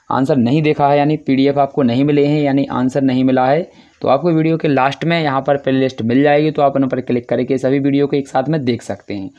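Male tutor, mellow voice, repetitive step-by-step explainer, slightly muffled lo-fi recording. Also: medium pitch. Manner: repetitive, fills with "yahan par". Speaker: teacher solving textbook exercises. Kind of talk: explanatory lesson, walking through answers.

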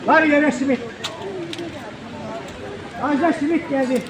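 A man calling out as a street vendor in a melodic, sing-song, repeated sales shout. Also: extremely high pitch, fairly even intonation, slow. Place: outdoors on a city street. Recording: distant, noisy busy street with crowd.

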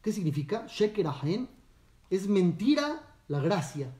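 A man's voice: sits high, very animated, a little slow, warm tone. A man, a rabbi teaching a Torah lesson, telling a story and asking his listeners questions. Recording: echoey room, distant mic.

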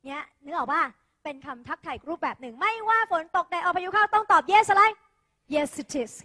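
A Thai English tutor with a high, bright voice teaches a class briskly and playfully, coaxing students along, calling them "kids" and "dear," and drilling their pronunciation. The sound seems phone-recorded in a hall with long, echoing reverb.

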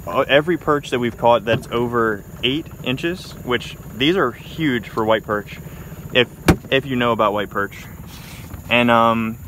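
A young man in his twenties vlogs a fishing trip from a small boat on a river, narrating casually and upbeat in a medium-pitched, fairly bright voice. He gives a play-by-play, tallying his catches as he goes. It's a noisy outdoor recording from a handheld phone camera.

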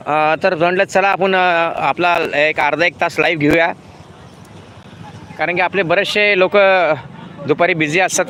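Brief: fifties male live-streamer, slightly high voice, rambling and friendly, outdoor phone audio with faint traffic behind. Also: sharp tone. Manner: chatty, with many fillers and restarts. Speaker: vlogger. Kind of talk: live-stream walking vlog. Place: outdoors on a city road at night.

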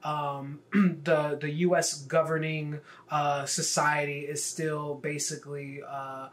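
A man's voice: on the high side, level tone, takes it slowly, a bit bright. A man, a poet, casually talking viewers through his own poem in a loose, chatty way, with many fillers and stumbling repeats. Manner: addresses viewers directly in friendly slang. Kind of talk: casual spoken walkthrough to camera.

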